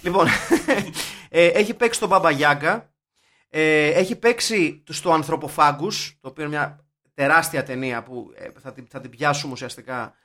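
A man co-hosting a casual film podcast, chatty and excitable, swearing in jest now and then. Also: a little high. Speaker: podcast co-host. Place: informal room, cafe-like.

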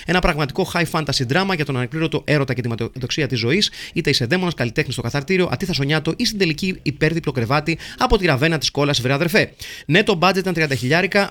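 A man's voice: on the high side, fairly bright tone. A man hosting a podcast, reading listener messages aloud in a playful, jokey way and rattling through lists of names. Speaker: podcast host.

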